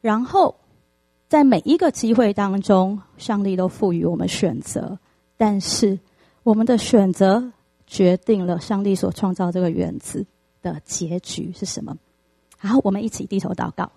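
Animated woman preacher telling a story. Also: medium pitch, moderate pace, vocal fry, no echo. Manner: animated storytelling with frequent fillers. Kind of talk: sermon with storytelling.

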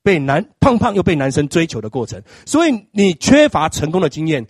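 A middle-aged man preaching a sermon, acting out little scenes in an animated way. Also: on the high side, a little fast, husky, no room sound, clean studio sound. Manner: animated, acts out scenes with exaggerated crying.

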